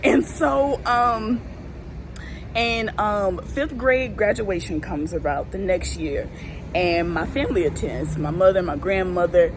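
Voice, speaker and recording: Over music, a young woman vlogger speaks slowly at a medium pitch, casually recounting a funny story from her childhood while laughing and doing voices. The recording is clear, with vehicle sounds in the background.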